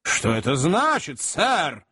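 A man reading aloud and voicing a furious, jealous middle-aged gentleman who shouts and sneers sarcastically. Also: fairly high pitch, expressive, a little slow, pitched above the performer's own voice. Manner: sarcastic, shouting, repeats "sir" menacingly.

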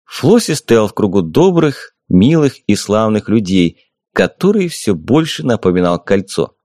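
A man narrating a fantasy audiobook in an expressive, lively reading voice. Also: lowish voice, a little slow, dry recording, clean studio sound.

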